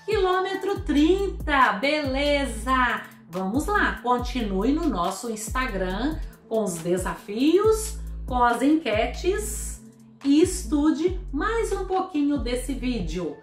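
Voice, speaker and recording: A woman's voice: sits high, sing-song, takes it slowly. A woman teaching an online grammar lesson, patiently asking the viewer questions and spelling out syllables. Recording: roomy echo with faint music.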